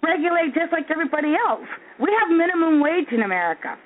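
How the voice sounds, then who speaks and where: A woman's voice: extremely high pitch, lively intonation, fast. A woman co-hosting a podcast, bantering casually and butting in to challenge what is said. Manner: challenging, interrupting. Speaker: podcast co-host. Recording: dull lo-fi line with faint noise.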